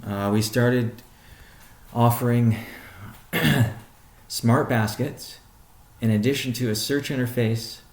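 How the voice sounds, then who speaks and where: On a conference call, a man who is a company's chief executive answers questions in a measured, deliberate, halting manner. His voice is on the low side and a little mellow, with a reverberant sound.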